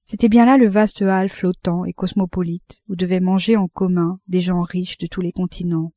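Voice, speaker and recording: A woman reading a classic novel aloud as audiobook narration, in a measured, unhurried manner. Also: lowish voice, steady tone, dark tone, no room sound. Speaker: audiobook reader.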